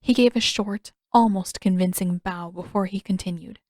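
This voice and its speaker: A woman's voice: medium pitch, moderate pace, darkish tone, dry recording. Woman narrating fan fiction, dry close. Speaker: author reading her own fan fiction.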